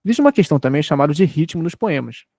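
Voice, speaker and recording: A man's voice: fairly high pitch, lively intonation, rapid-fire, dark tone, dry recording. A man in his thirties from Brazil, giving an online lecture, explaining patiently and checking in often with his students. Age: 30s. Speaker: teacher.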